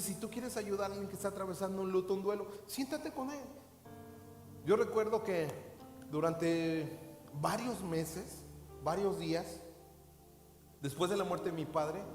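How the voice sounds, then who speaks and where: Mexican pastor preaching in echoey hall. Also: male voice, high voice, moderate pace, pauses often, a little mellow. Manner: impassioned preaching with repetition and direct questions. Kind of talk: sermon. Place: church hall. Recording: echoey hall with faint music.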